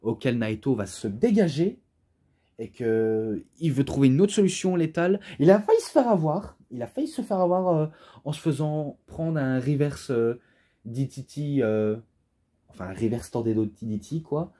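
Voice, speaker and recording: A man's voice: medium pitch, animated, moderate pace, warm tone. A man giving a rambling, casual spoken review who gets carried away as he talks, with an imposing voice. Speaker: wrestling DVD reviewer.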